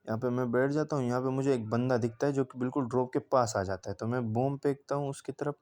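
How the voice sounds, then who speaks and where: A man's voice: mid-range voice, fairly even intonation, quick pace, darkish tone. A man giving a casual gameplay commentary voice-over, recounting his match and talking straight to the viewers. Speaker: gaming channel creator.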